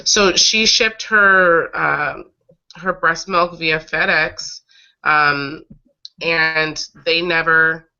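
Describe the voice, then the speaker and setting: In a laid-back live webcast conducted by video call, a breastfeeding advocacy show host tells stories while still recovering from a cold. Bright, low, and slightly raspy, her voice keeps fairly even intonation, but she speaks haltingly, pausing partway through sentences to regroup. The audio is dull and lo-fi.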